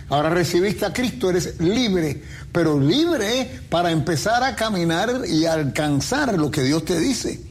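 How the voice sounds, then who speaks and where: Man preaching on a faith q&a show, kinda high voice, faint hum behind. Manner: preachy, uses everyday comparisons. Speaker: pastor co-host. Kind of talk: faith talk show answering questions.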